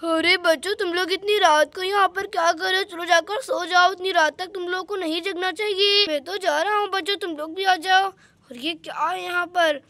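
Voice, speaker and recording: A drowsy, clumsy husband, played by a woman, who pleads and coaxes in a bright, high voice. It is dry and close, a homemade doll story. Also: fairly even intonation, moderate pace, dry recording, heavily acted. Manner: drowsy, coaxing, apologetic.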